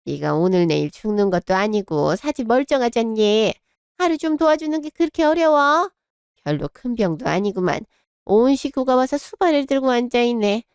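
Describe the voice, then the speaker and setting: Shrill scolding old mother-in-law voiced by a woman, contemptuous, radio drama, high voice. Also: expressive, moderate pace, darkish tone, smooth, no echo, studio quality. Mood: scornful.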